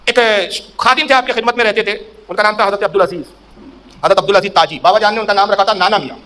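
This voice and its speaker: A man's voice: sits high, pushed and bright. A man preaching a sermon in a storytelling way, acting out quoted speech with a raised voice.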